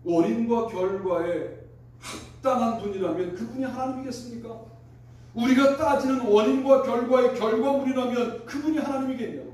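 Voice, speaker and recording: A man preaching a sermon in a very high voice, posing question after question to the congregation. His voice rings through a big, echoey church hall, picked up from some distance. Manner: preaching with rhetorical questions, animated. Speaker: pastor. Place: church sanctuary.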